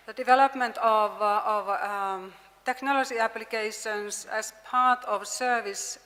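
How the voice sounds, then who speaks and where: A woman presenting her university's project at a conference, earnest and halting, with many fillers. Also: mid-range voice, bright, forceful tone. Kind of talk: conference pitch and answers. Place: conference hall with audience. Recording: reverberant conference hall.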